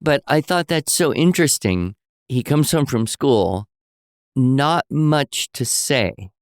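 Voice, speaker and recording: A man's voice: mid-range voice, lively intonation, slow pace, dry recording, studio quality. A man co-hosting a casual teaching podcast, telling anecdotes and acting out quoted voices. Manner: storytelling, acts out quoted voices. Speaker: co-host. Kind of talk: conversational podcast discussion.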